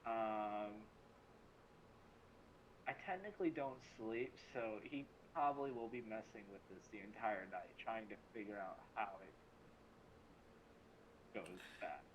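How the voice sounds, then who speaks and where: Halting man in casual game chat, noisy recording. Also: on the low side, muffled recording. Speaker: tabletop game player.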